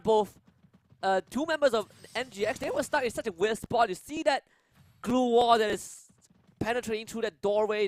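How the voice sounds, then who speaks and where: A man's voice: high-pitched, a bit bright. A man co-casting an esports match, explaining and reacting to the plays in live analysis.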